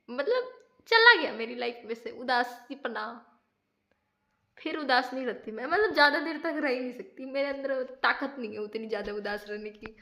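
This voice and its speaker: A woman's voice: a little high, pushed and bright. A young woman vlogging casually, telling a personal story in a chatty way, dropping English phrases and saying "like" often. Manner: chatty, mixes in English phrases, says "like" a lot.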